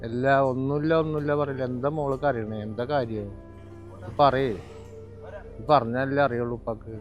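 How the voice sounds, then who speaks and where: A man's voice: mid-range voice, steady tone, moderate pace, highs cut off, faint music behind, lightly acted. A man playing a worried father who presses his daughter with questions. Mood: worried, pressing. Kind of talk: home-made family drama acting.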